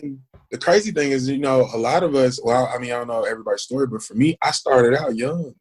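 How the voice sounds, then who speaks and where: Podcast guest, male, 40s, middle pitch, earnest and emphatic, casual conversation. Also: quick pace, a little mellow, slightly rough.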